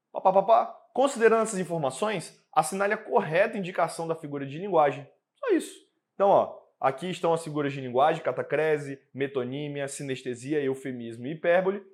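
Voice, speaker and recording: Young Brazilian male teacher, a bit high-pitched, animated, talks to students like friends. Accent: Brazilian Portuguese. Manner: lively, chatty, asks the class questions. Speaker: prep course teacher. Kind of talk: exam prep lesson.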